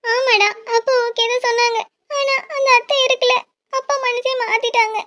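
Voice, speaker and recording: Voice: very high-pitched, steady tone, moderate pace, sharp tone, a little hiss or hum. A performer voicing a young woman in a cartoon, a lovesick younger sister who pleads in distress. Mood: upset. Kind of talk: cartoon voice acting.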